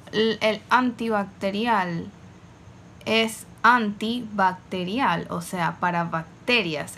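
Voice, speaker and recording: A woman's voice: mid-range voice, a bit bright, slight background noise. A woman from the United States co-hosting a podcast in casual, teasing, informal Spanglish. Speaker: podcast co-host.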